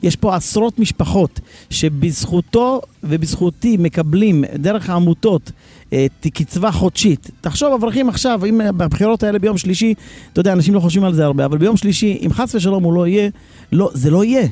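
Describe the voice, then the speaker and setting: A man who is a deputy mayor, a guest on live radio, making an emphatic campaign pitch and repeating phrases to stress them, speaking from a car on city streets. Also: expressive, warm tone, no room sound.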